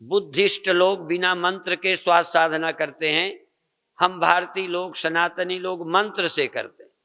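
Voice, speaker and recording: Slow, gravelly Indian man guiding meditation. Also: sits high, steady tone. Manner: slow, repetitive soft coaching with pauses. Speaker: spiritual teacher leading meditation. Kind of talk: guided meditation and breathing instruction. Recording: long reverb of a hall.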